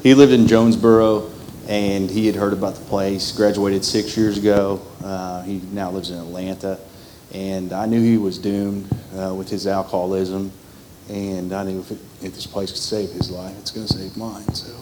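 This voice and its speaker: A man's voice: deep voice, level tone, moderate pace, dark tone, a little hiss or hum. A man in his thirties from West Virginia, speaking candidly and conversationally about why he came. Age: 30s. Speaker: program member giving testimony.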